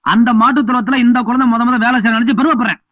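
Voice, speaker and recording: A man's voice: very high voice, fairly even intonation, racing, no echo. A man playing a talkative, cheeky hired laborer in a film comedy. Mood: mock-solemn. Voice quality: chatty, mock-solemn. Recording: dull lo-fi film soundtrack with music.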